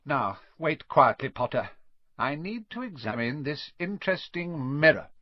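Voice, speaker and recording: A man's voice: a little high, big pitch swings, a little slow, no room sound. A man voicing a scheming male wizard teacher, cold and servile, in an audiobook reading. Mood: gloating. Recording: dull lo-fi dry recording.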